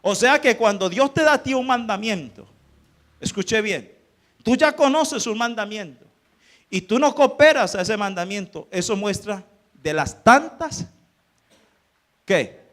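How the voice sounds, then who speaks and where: A man's voice: high-pitched, lively intonation, measured pace, long pauses, a bit bright. A man preaching a sermon as pastor, firing rhetorical questions at the congregation. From Colombia.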